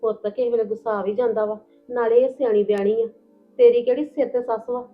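A woman's voice: fairly high pitch, steady tone, fairly quick, natural voice. A woman playing a blunt, motherly elderly aunt in a Punjabi village family drama, speaking with a Punjabi accent. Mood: scolding. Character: elderly paternal aunt, scolding and protective. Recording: tinny phone-like lo-fi with music.

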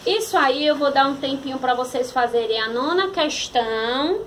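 A Brazilian woman teaching a grammar lesson to young children, speaking slowly and patiently and sounding out syllables one by one. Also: high voice, fairly bright tone, slight background noise. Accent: Brazilian Portuguese. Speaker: primary school teacher.

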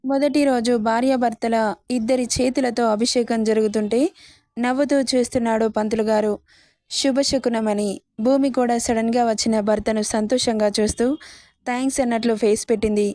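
A woman narrating a serialized romance story with steady, expressive pacing. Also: a little high, normal speed, dry recording, studio quality.

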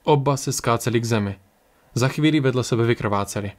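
A man reading an audiobook in a steady, even storytelling manner. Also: mid-range voice. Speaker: audiobook narrator. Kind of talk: audiobook narration.

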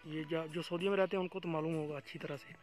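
A man's voice: fairly high pitch, steady tone, rapid-fire, faint music behind. A young man vlogging outdoors in a date palm farm, chatting casually and pointing things out to viewers while filming with a handheld phone. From Pakistan. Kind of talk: casual walking tour vlog.

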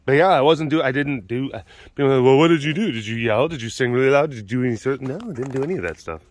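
Off camera with a handheld camera mic, a big cat sanctuary keeper who vlogs talks very fast in a mid-range voice that's slightly hoarse and partly gone. He's an adult getting on in years, rambling chattily outdoors by the enclosures and softening into baby talk for the animals.

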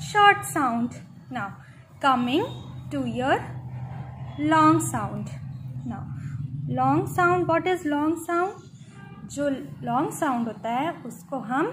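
Slow, high-voiced Indian woman teacher. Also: fairly bright tone, a little hiss or hum. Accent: Indian English. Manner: slow, drawn-out spelling of letters and words, mixing English and Hindi. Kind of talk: online grammar lesson for young children.

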